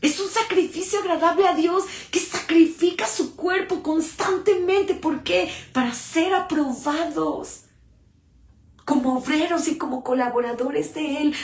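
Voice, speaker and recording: High-voiced woman preaching. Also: measured pace. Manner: exhorting, asks many rhetorical questions. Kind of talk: devotional sermon. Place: church. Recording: roomy echo.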